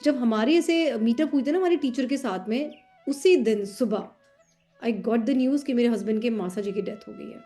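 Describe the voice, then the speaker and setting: A woman chatting casually with friends, slipping into lively voices as she retells conversations. Her voice sits a little high, with a mellow, soft tone. Faint music plays underneath. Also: normal speed. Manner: animated storyteller acting out dialogue. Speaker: tarot student. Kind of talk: casual chat.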